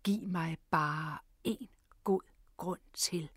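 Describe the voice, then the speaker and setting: A woman storyteller voicing a desperate man on a ledge, who cries out and then pleads in a hushed voice. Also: fairly low pitch, breathy edge, no echo, studio quality. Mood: pleading.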